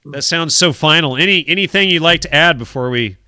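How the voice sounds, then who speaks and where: A man hosts a talk show in loose, casual chat, rambling and doubling back on his words. His voice is very bright and smooth, recorded close and dry on a studio mic with no room sound. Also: fairly high pitch, brisk, no echo. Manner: rambling, repeats words while pleading for donations. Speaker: podcast host.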